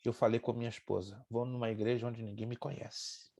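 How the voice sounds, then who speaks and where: A pastor in his sixties teaching a Bible class, telling a personal story in an animated way and acting out the voices in it. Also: mid-range voice, a little fast, vocal fry. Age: 60s. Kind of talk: sermon-style lesson with personal story.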